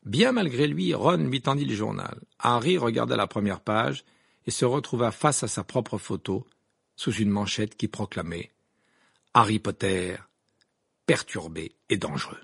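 Gravelly, husky male narrator. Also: mid-range voice, animated, normal speed, dry recording, clean studio sound. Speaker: audiobook narrator. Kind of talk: scripted narration.

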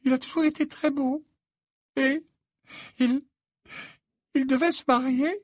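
A man's voice: animated, moderate pace, no room sound. Mrs Weasley, a man voicing a fluttering tearful mother. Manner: high fluttering pleading voice. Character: anxious motherly middle-aged woman, tearful.

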